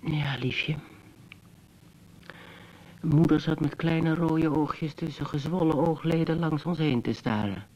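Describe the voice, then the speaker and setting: Gravelly wry brother, slow and mocking. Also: male voice, on the high side, a little mellow, dull audio. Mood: musing. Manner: slow, mocking, musing monologue. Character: wry, bitter adult brother, teasing yet tender. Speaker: brother reminiscing to his sister. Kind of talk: 1970s Dutch radio drama acting.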